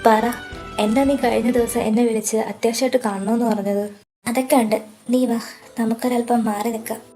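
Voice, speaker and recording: High-voiced woman in an earnest audio drama. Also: fairly even intonation, a little fast, warm tone, faint music behind. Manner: earnest, emotional dialogue delivery. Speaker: storyteller voicing the characters.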